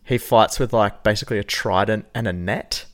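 A man's voice: on the low side, moderate pace. A young man co-hosting a podcast, chatting casually and laughing often as he tells stories. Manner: animated, laughs often, jokey. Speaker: podcast co-host. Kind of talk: casual chat.

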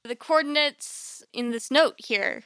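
A woman's voice: sits high, animated, slow, a bit bright, dry recording. A woman playing a tabletop game, bantering in an informal, direct way.

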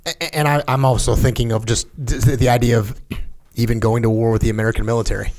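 Male co-host, quick delivery, frequent stammered restarts. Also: mid-range voice, fairly even intonation, darkish tone. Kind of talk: podcast discussion.

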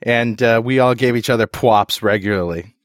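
A man's voice: medium pitch, moderate pace, no echo. A man co-hosting a tech podcast from a recording studio, telling stories in a joking, loose way with many fillers. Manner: jokey storyteller, many fillers and restarts. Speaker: podcast co-host. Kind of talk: casual chat.

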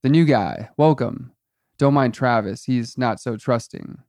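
A man's voice: medium pitch, measured pace, darkish tone, no echo, studio quality, natural voice. A man voicing a goofy, friendly teenage guard at a weed farm who talks with relentless cheer. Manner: cheerful, chatty, endlessly nice.

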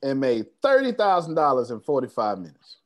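Speaking a little fast, this man has a medium-pitched voice whose pitch swoops wildly. He is a business coach running an online group meeting, an animated motivational video call where he calls on participants by name. His manner is boastful and preachy.

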